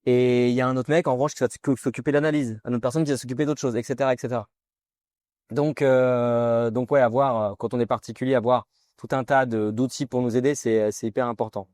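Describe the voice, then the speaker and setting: Man, mid-pitched voice, interview host, relaxed and chatty, slangy asides, dry close recording. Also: brisk, no room sound. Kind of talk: casual podcast interview.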